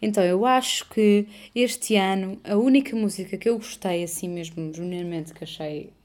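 Portuguese woman podcaster in her 30s, tells stories lively, swears a lot, casual chat. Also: medium pitch, normal speed. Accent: European Portuguese. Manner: lively storyteller, swears freely. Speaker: podcast host.

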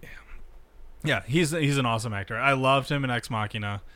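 Bright-voiced man chatting casually. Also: mid-range voice. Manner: animated, swearing, halting restarts. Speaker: movie discussion participant. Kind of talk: casual chat.

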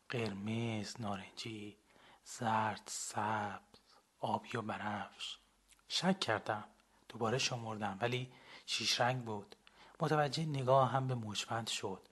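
A young man narrating a personal story in the first person, calm and reflective. His voice has a husky, slightly breathy grain throughout the radio reading. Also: medium pitch. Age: young adult. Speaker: blogger and storyteller.

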